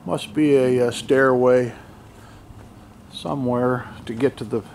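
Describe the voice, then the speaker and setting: Walking around a derelict motel lot outdoors, a male vlogger films his exploration from behind a handheld camera, narrating casually and off the cuff in a musing, observational way. His voice is medium-pitched, steady, slow and somewhat dark. The camera mic picks up a noisy ambient roar.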